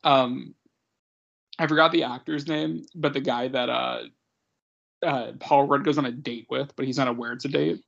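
A man's voice: mid-range voice, fairly even intonation, normal speed, vocal fry, fairly bright tone, muffled recording. A man co-hosting a podcast, talking enthusiastically with lots of laughter and casual swearing. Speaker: podcast co-host. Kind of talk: casual chat.

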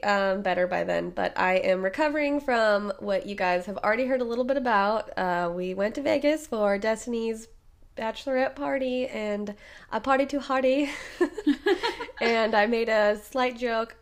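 Hoarse woman chatting on a podcast. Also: medium pitch. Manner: chatty, laughing often, animated retellings. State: hoarse from illness. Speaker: podcast co-host. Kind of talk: casual chat.

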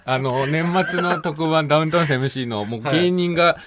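A man's voice: a little high, brisk, crowd noise. A man co-hosting a comedy radio show, telling stories in a chatty way and laughing along. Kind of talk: casual comedy radio chat.

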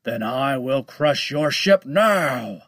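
A man voicing a slow, menacing giant shark. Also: medium pitch, animated, a bit bright, no echo, studio quality, heavily acted. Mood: roaring. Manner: slow, heavy, drawn-out menace. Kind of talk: storybook read-aloud.

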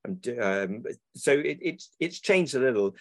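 A man's voice: mid-range voice, animated, a little slow, dry recording. A man, a children's book publisher who rambles and corrects himself in a casual interview over a remote call.

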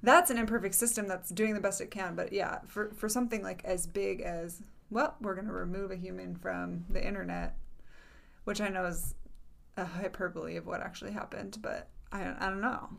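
Creaky-voiced woman debating casually. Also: medium pitch, steady tone, normal speed. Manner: hedging, many "like" fillers, trails off softly.

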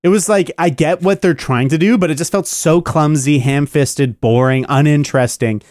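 A man's voice: on the high side, normal speed, a little mellow, dry recording, studio quality. A man co-hosting a podcast, ranting about a TV show with a lot of swearing. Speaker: podcast co-host. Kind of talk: casual podcast chat.

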